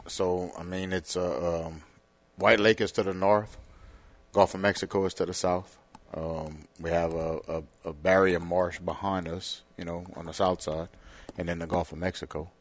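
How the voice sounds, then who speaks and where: A man, a podcast guest talking in a relaxed way, halting with many fillers. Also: sits low. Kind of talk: casual interview talk.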